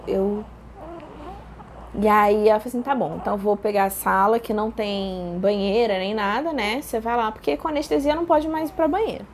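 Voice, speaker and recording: A young Brazilian woman casually telling a personal story, acting out her own shouted lines with laughter. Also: fairly high pitch, slight background noise. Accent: Brazilian Portuguese. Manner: animated, acts out quoted shouts with laughter.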